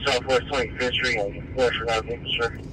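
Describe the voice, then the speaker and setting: A man's voice: mid-range voice, flat delivery, a little fast. A man speaking over a police scanner radio, using clipped radio codes and calling others sir. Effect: heard over a police scanner radio. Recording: distant scanner radio with noise.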